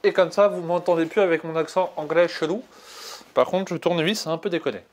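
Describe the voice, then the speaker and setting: A woman's voice: fairly low pitch, brisk, a little mellow. A woman hosting her video channel, chatting playfully with many hesitations. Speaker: YouTuber. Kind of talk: casual chat.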